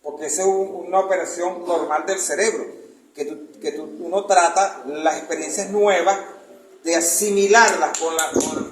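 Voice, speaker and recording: A man with a Venezuelan Spanish accent giving an informal talk as a chronicler, rambling and searching for words, often checking that his listeners follow. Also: a little high. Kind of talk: informal lecture with questions. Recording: echoey room with faint noise.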